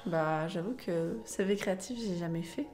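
A woman's voice: fairly low pitch, moderate pace, a little mellow. A young adult woman co-hosting a casual podcast debate, speaking spontaneously, teasing her partner and jumping from one idea to the next. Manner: spontaneous, teasing, jumps between ideas. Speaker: podcast co-host.

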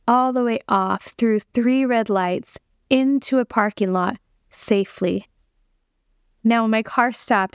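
A woman's voice: mid-range voice, clear, resonant tone, dry recording, studio quality. A woman hosting a podcast, telling a personal faith testimony in an earnest, conversational way and speaking straight to her listeners. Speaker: podcast host sharing a testimony.

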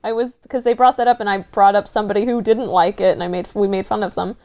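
A woman's voice: medium pitch, fairly even intonation, fast talker, darkish tone. A woman chatting casually as a guest on a fan podcast.

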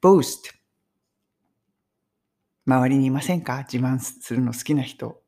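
A Japanese woman teaching English phrases in a chatty, animated way, mixing in personal stories. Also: very deep voice, takes it slowly. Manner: chatty, animated storytelling with laughs. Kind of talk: casual English lesson.

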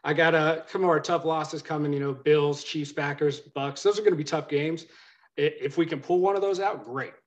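A man in his thirties talking sports in a casual, excited chat as a podcast co-host. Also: on the high side, moderate pace. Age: 30s.

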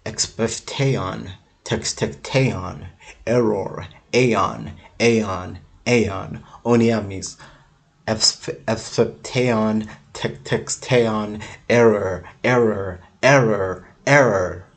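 A man's voice: fairly low pitch, vocal fry. A man performing spoken word art, stuttering and repeating words like a glitching robot. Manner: slow, chanting repetition.

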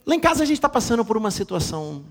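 A middle-aged bishop preaches a sermon packed with funny family stories, his high-for-a-man voice jumping around, playful and then erupting into loud exclamations. He speaks very fast in a sing-song way, with a little hiss or hum on the recording.

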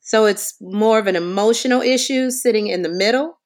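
A woman's voice: mid-range voice, normal speed, darkish tone, close to an everyday voice. A woman playing an unflappable, officious airline agent with a polished customer service voice in a comedic phone drama. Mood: procedural, unruffled.

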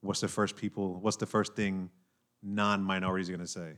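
A man from New York talks through a podcast conversation in a lowish voice. He is animated and loose, circling back on his points with fillers and tag questions. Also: a little fast. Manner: animated, talks with hand-wavy fillers and repeats himself. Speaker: podcast host. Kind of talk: casual chat.

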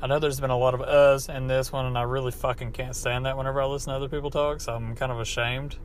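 A man's voice: mid-range voice, flat delivery, quick pace. A man with an Appalachian hillbilly accent recording a casual, unscripted, profane and self-deprecating podcast monologue in a car. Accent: Appalachian hillbilly American. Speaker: podcast host. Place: inside a car. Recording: background car noise, amateur setup.

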